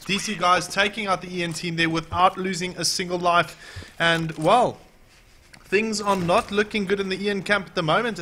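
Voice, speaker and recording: A man's voice: high-pitched, pushed and bright. A man with a South African accent casting a live esports match in a chatty, opinionated way. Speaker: esports caster.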